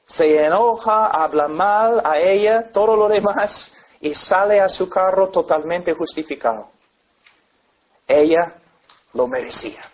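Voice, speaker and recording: A man preaches earnestly, with his voice sitting a little high. He drives his points home by acting out scenes. The sound is dull and lo-fi. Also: a little slow. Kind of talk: sermon. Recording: dull lo-fi recording.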